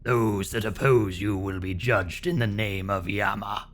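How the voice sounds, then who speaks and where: A man voicing a stern demonic judge from a video game, in a slow, solemn, possessed manner of pronouncing doom. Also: fairly low pitch, steady tone, fairly bright tone, slight background noise, pitched below the performer's own voice. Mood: solemn, condemning. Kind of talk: dramatic video game role-play. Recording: music behind the voice.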